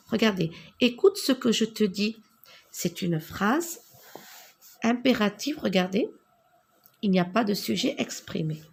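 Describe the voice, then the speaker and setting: A woman teaching a grammar lesson to children, patient and deliberate, spelling out each answer as she writes it. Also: mid-range voice, creaky, slightly rough. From North Africa. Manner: slow, patient, spells out answers while writing.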